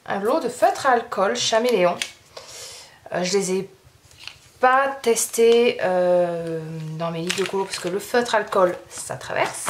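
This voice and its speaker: A French woman chats in a relaxed, rambling way as she shows her new art supplies, often stopping on "euh" and starting sentences over. Her pitch sits in an ordinary middle range. A faint background hiss runs under the recording. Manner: rambling, many "euh" fillers and restarts. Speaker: craft youtuber showing art supplies. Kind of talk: casual haul video chat.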